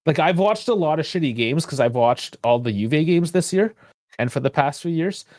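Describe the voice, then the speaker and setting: A man's voice: on the high side, expressive, moderate pace, a little mellow, dry recording. Blunt man trashing a referee. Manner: blunt, dismissive, profane. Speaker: podcast co-host. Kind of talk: casual sports chat.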